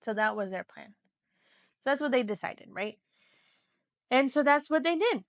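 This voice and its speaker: A woman's voice: high voice, lively intonation, moderate pace, dry recording, clean studio sound. A woman hosting a podcast, casually retelling a true-crime story in a loose, chatty way, with many "so" and "you know" fillers. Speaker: podcast host.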